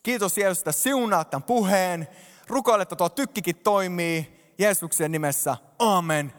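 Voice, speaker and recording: Male pastor, higher voice, animated sermon, church hall echo. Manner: animated, addresses congregation directly. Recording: long hall reverb.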